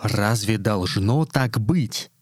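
A man's voice: lowish voice, expressive, slow, no room sound. A man voicing a stern elderly priest pleading with his daughter, in a dry, firm voice. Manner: pleading, then bitterly ironic. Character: stern elderly male village priest, a father.

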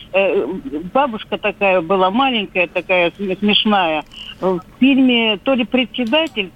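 A man calling in to a radio show over a landline phone, chatting casually and hesitantly as he searches for words. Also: high-pitched. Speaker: caller. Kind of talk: casual call-in chat. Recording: muffled phone line.

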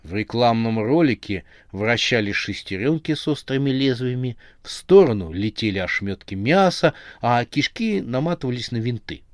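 A man reading a horror audiobook in a mid-pitched voice and lively storytelling. The recording is dry and close, without any room sound. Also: normal speed, few pauses, dry recording. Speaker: narrator. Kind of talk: audiobook narration.

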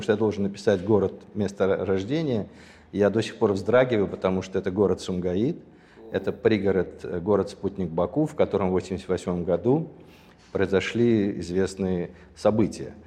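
A man in his sixties, from Azerbaijan, recalls his past as an interview guest with a deep, mellow voice. He speaks in a measured, reflective way, pausing often to choose his words. His voice rings with a long reverb, as if in a large hall. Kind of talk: reflective personal storytelling.

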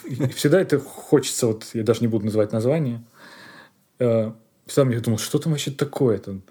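A man co-hosts a casual podcast in a dark, mellow voice with a slightly husky edge. He rambles as he searches for his words and laughs often along the way. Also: mid-range voice, brisk. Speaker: podcast co-host.

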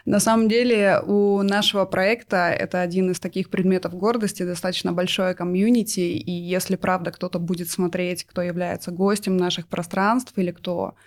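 A woman's voice: on the low side, fairly even intonation, normal speed, hardly any pauses. A woman in her thirties from Russia, a guest entrepreneur speaking in a chatty, enthusiastic podcast interview with frequent fillers. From Novosibirsk, Russia. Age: 30s. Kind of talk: conversational interview.

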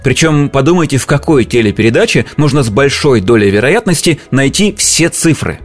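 A man's voice: mid-range voice, animated, brisk, soft background music. A man presenting an informal explainer in a conversational, explanatory manner.

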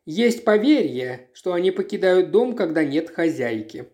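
A reader voicing a timid, soft-spoken sheriff's wife in a read-aloud story. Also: medium pitch, big pitch swings, measured pace. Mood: weary.

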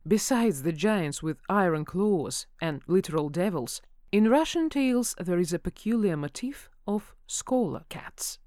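Casting: female podcast host, calm and informative, dry close recording. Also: on the low side, a little slow, hardly any pauses, dry recording. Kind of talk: scripted podcast narration.

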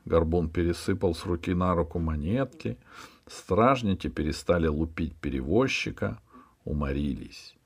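A man reading a children's adventure story aloud. His voice sits low with a gravelly grain. He reads slowly, and his pitch moves up and down with the story. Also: animated. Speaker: audiobook narrator. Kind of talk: scripted storybook narration.

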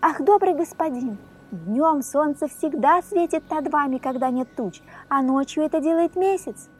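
A woman voicing a greedy, scheming old fisherwoman who pleads and wheedles in a high voice, reading a storybook tale. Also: moderate pace, soft background music. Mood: pleading, sly.

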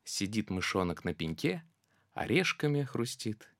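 A storyteller reading a children's verse tale aloud in a rhythmic, expressive way. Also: mid-range voice, measured pace, no room sound, studio quality.

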